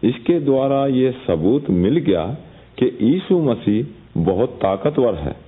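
A man telling a gospel story as a sermon, slowly, and addressing his listeners as dear ones. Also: mid-range voice, sing-song, slightly rough. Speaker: preacher. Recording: tinny phone-like audio.

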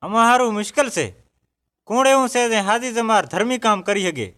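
A man's voice: high-pitched, lively intonation, fairly quick, a bit bright. A man in a scripted religious dialogue, speaking somberly and asking questions about death. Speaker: grieving villager.

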